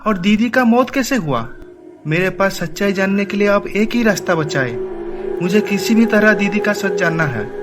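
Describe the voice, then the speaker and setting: A man voicing a caring young uncle in an animated story, gentle with his niece and earnest. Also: high voice, normal speed, over music.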